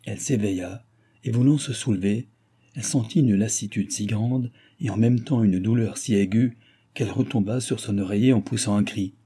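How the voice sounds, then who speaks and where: A male audiobook narrator with a low, deeply dark voice and a husky grain. He reads a classic novel in a steady, measured storytelling manner.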